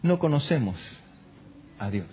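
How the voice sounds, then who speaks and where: A man with an Argentine Spanish accent preaching a sermon as a pastor, firing rhetorical questions at the congregation, rising to loud exclamations and dropping to soft prayer. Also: fairly high pitch, big pitch swings, unhurried, lo-fi sound, a little hiss or hum. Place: church.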